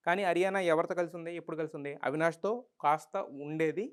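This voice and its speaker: A man's voice: on the high side, fairly even intonation, fast talker, clean tone. A man with a Telugu accent giving an opinionated, argumentative review monologue full of rhetorical questions. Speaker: reality show reviewer.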